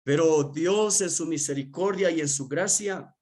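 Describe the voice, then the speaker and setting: A male pastor giving an emotional testimony in a sermon, speaking slowly and earnestly to the congregation. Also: on the high side, a little mellow. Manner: slow, earnest, emotional preaching.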